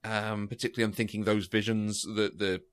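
Speaking a little fast with a clean tone, this man has a fairly low pitch. As a podcast co-host in a casual conversation, he tells animated, chatty stories, often restarting and leaning on fillers.

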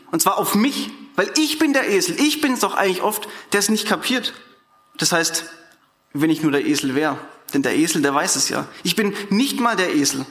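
A man preaching a sermon with a high, bright voice, talking in a lively, colloquial way straight to his listeners. His words ring out in a roomy, echoing church hall. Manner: animated, colloquial, addresses the audience directly.

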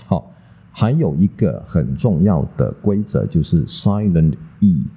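A man's voice: sits low, expressive, a little slow, slightly rough, narrow, tinny audio. A man teaching English pronunciation in a casual, chatty lesson, tagging "OK" onto nearly every phrase. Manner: chatty, peppers speech with "OK" and "好不好".

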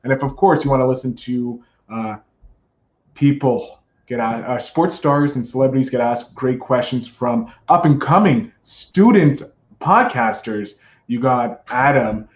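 A man hosts a live podcast in a casual, chatty way with a ringmaster's flair for announcing. His voice sits at a medium pitch. The sound is roomy and somewhat dull, like a lo-fi stream. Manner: ringmaster-like showman greetings, drawn-out announcing. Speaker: podcast host. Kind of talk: live-streamed solo show, casual chat.

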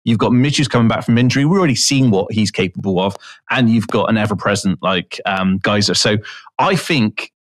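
A man co-hosting a podcast, chatting casually with quick, easygoing reactions. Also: fairly low pitch. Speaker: podcast co-host. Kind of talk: casual chat.

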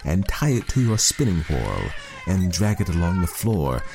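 A man voicing a proud, independent cat in a storybook reading, in a measured, formal cadence. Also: low-pitched, very animated, vocal fry, noisy background, exaggerated voice. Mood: sly. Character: aloof male cat, sly and self-satisfied.

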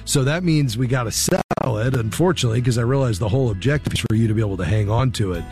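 A man hosting a call-in advice show, explaining things calmly and step by step into a studio microphone. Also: mid-range voice, faint music behind. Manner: calm, measured, explaining step by step. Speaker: radio host, financial advisor.

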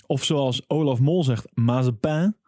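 A man co-hosting a casual motorsport chat, chatty and quick to laugh, with plenty of fillers. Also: a little high, animated, dark tone, dry recording, clean studio sound. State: frog in his throat, clears throat. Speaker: podcast co-host.

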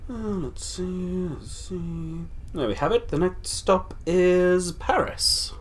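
An actor in an audio drama plays a male conductor on a time-travelling train, polite and unflappable. His high voice is slow, courteous and formal, with lively rising tones. There's slight background noise.

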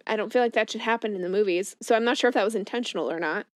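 A woman's voice: mid-range voice, very fast. A woman co-hosting a casual movie discussion podcast in a chatty, conversational way, recorded up close in a small closet. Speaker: podcast co-host.

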